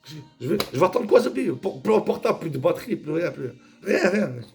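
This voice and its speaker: A man rambling in a casual, vulgar monologue, jumping between mumbles and shouts. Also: on the high side, big pitch swings, quick pace, faint music behind.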